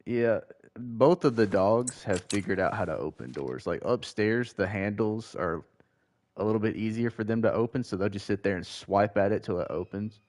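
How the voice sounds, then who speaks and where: A man with a mild Southern US accent, chatting with viewers in a relaxed, rambling way while gaming. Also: fairly low pitch, normal speed. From Georgia, US. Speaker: gaming streamer. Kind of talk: casual chat while gaming.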